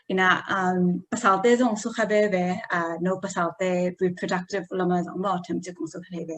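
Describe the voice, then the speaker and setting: A woman giving an informal health talk, explaining slowly and hesitantly, dropping in English medical terms. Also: lowish voice.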